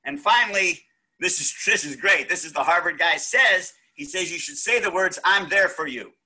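A man's voice: sits high, normal speed, sharp tone, breathy edge, low-quality recording. A man hosting a talk show, joking in a folksy way as he speaks. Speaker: host.

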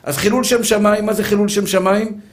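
A man's voice: high voice, fairly even intonation. A man, a rabbi, preaching a fervent sermon that repeats its points, stumbles on restarts and calls his listeners brothers.

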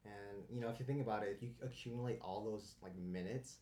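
A man's voice: fairly low pitch, quick pace, warm tone. A young man co-hosting a podcast in easy casual chat, laughing often. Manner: laid-back, laughs often. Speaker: podcast co-host. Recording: echoey room.

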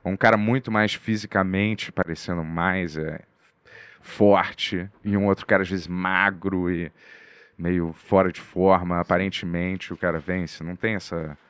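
A young man, a comedian, talking in casual podcast banter, animated and swearing and rambling through his points. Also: low-pitched, unhurried, smooth, no echo.

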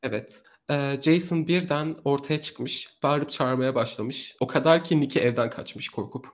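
A man co-hosting a casual true crime podcast, telling the story in an animated way and laughing often. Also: medium pitch, normal speed.

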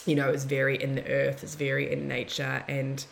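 Soft-spoken heartfelt young woman. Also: very deep voice, completely flat delivery, a little fast, creaky, a little hiss or hum. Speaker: podcast guest. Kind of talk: reflective casual conversation.

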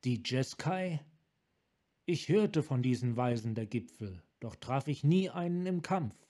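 A man voicing a tormented male wanderer who speaks in broken, halting phrases, in a fan audiobook reading. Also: medium pitch, lively intonation, dark tone. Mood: haunted. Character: haunted tormented male dragon-mage wanderer.

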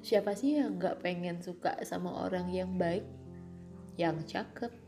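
Young woman, lowish voice, introspective vlog monologue, clear music underneath. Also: unhurried, dark tone. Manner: reflective, self-critical, mixing in English phrases. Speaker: vlogger. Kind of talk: personal monologue. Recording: music playing behind.

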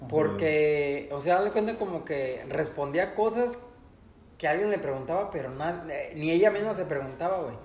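Man in loose, relaxed chat. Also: on the high side, moderate pace. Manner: relaxed, says "güey" constantly. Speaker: podcast co-host. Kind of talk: casual chat. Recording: roomy room sound.

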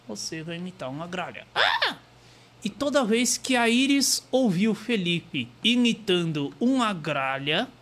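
A man guiding people through hypnosis with slow, commanding instructions and countdowns. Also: sits high, a bit bright.

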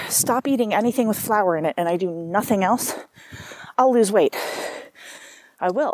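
A South African woman talks casually to her camera, her monologue wandering with lots of asides and restarts. Her voice sits in the mid-range with a darkish tone, and the recording has no echo.

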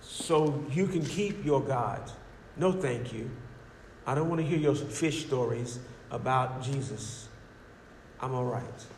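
A man's voice: mid-range voice, slow pace, a little mellow, voice pushed down, natural voice. A man voicing a scoffing male atheist who challenges a believer with mocking questions, in an echoey hall. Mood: defensive. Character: scoffing skeptical male atheist arguing at the door. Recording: echoey hall with faint noise.

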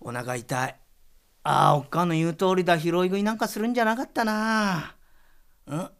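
A woman voicing a stingy middle-aged Edo townsman who grumbles in rough street speech. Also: lowish voice, normal speed, voice pushed down, natural voice. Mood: puzzled, aching.

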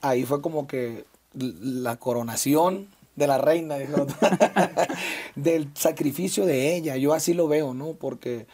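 A man in his thirties from Sinaloa, Mexico, speaks as a guest in a casual interview, reflective and full of fillers and restarts, with a Sinaloan Mexican Spanish accent. His voice is a little high and unhurried, with a crowd audible behind him.

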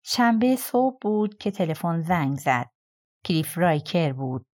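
A woman reading a crime novel aloud as an audiobook, with measured, steady storytelling. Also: fairly low pitch. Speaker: audiobook narrator. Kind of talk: scripted narration.

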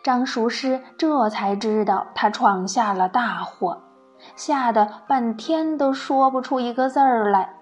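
Slow, higher-pitched woman storyteller. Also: faint music behind. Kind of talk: children's story narration.

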